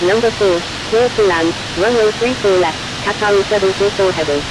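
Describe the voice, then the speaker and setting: A woman's voice: a little fast, close to an everyday voice. A woman voicing a formal airline pilot in a flight simulator, giving clipped, procedural headset readbacks. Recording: clear steady hiss and rumble.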